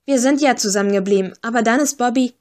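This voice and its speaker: Woman reading upset young agent girl, snappy and loud, audiobook. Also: on the high side, quick pace, lightly acted. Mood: upset agitated. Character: young female agent, angry and frightened.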